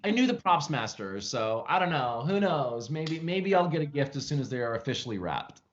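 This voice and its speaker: Man, actor guest, animated storyteller, mid-pitched, chatty, lo-fi video call audio. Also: normal speed. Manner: frequent fillers and restarts, chatty. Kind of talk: casual interview over video call. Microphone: video call from home.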